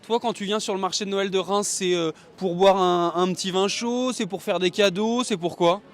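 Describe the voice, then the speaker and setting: A man interviews passers-by as a street reporter. His voice sits fairly high, and he asks his friendly questions plainly. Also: steady tone, moderate pace. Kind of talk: vox-pop interviewing.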